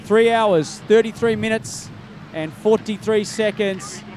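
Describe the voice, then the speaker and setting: A man's voice: high voice, slow, background noise. A man giving upbeat live commentary at a race finish, calling names and results. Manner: upbeat, calls names and results, says mate often. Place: outdoor race finish area.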